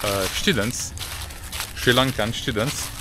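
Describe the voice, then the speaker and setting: Relaxed man vlogging outdoors. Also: medium pitch, slow pace, noisy background. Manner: relaxed, hesitant, chatty with fillers. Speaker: travel vlogger. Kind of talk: casual travel vlog chat. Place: outdoors in a park. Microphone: camera held at arm's length.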